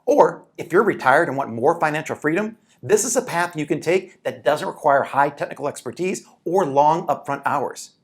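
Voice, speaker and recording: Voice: medium pitch, lively intonation, moderate pace, hardly any pauses. A narrator reading a scripted promotional voice-over, reassuring and answering doubts. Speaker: sales pitch narrator.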